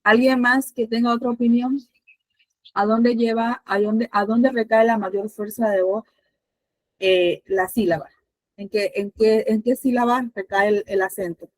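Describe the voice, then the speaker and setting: A woman's voice: fairly high pitch, steady tone, measured pace, a little mellow, dry recording, rough recording. Lady teacher, panamanian accent, keeps asking the class stuff, lots of "eh" and "verdad", dry sound. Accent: Panamanian Spanish. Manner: patient, asks many questions with frequent fillers. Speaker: Spanish teacher. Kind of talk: classroom teaching with questions to students.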